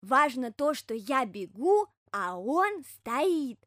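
A woman voicing a small, earnest male hedgehog in a storybook reading, insisting and explaining things slowly. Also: high voice, sing-song, fairly bright tone, no echo, studio quality, full character voice.

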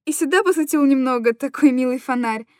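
In a clean studio recording with no room sound, a woman with a high, darkish, everyday-sounding voice speaks a little fast. Performing a dramatic literary monologue, she plays an anguished, tender mother cooing simple, repetitive stories to her little boy, her mood tender and aching.

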